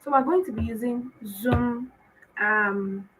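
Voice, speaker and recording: A woman's voice: fairly high pitch, slow, noisy background. Emphatic Nigerian woman hosting a livestream. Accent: Nigerian English. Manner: emphatic, repetitive, preacher-like. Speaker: summit host. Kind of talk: livestream announcements with preaching. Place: online livestream.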